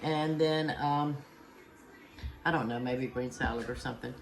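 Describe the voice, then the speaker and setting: A woman's voice: very deep voice, unhurried. A middle-aged woman, chatting through a home cooking demonstration with many "uh" fillers. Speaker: home cook. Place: home kitchen. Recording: noisy home kitchen ambience.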